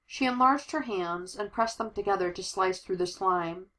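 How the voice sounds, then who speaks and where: A woman reading a superhero story aloud, giving the characters lively voices. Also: mid-range voice, moderate pace, low-quality recording. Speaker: audiobook narrator.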